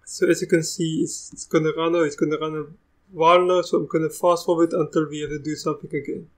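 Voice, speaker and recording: Chatty South African-accented man, flat tone. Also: a little high, quick pace, rough recording. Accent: South African, with a bit of Russian. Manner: chatty, easygoing, restarts sentences often. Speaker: tech tutorial host. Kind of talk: live screen-recorded software tutorial.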